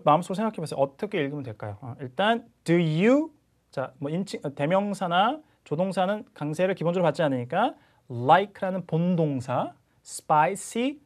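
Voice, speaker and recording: A male English instructor lectures on stress and rhythm in a chatty, checking-in manner. His voice sits somewhat high and swings widely as he demonstrates sentences. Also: a little mellow. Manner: chatty teacher, frequent "자" and "그죠?" check-ins, sometimes exaggerated demo reading. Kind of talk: video lecture.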